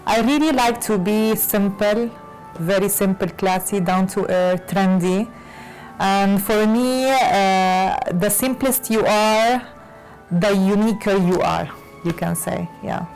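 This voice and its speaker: A woman fashion designer from Lebanon, raised in Latin America, answering interview questions with many pauses and fillers. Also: medium pitch, a little mellow, soft background music, rough recording. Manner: hesitant, many fillers and restarts. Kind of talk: conversational interview.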